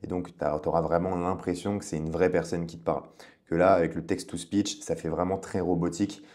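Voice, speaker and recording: A man's voice: sits low, level tone, a little fast, darkish tone. A man giving a casual, chatty tutorial as a coach, speaking directly to the viewer. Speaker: online business coach.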